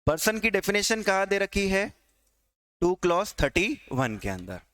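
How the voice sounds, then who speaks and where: A man's voice: sits high, sing-song, measured pace, a bit bright, no room sound. A man teaching a tax law class with an Indian accent, quizzing students and answering his own questions. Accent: Indian English. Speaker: tax lecturer. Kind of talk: classroom lecture.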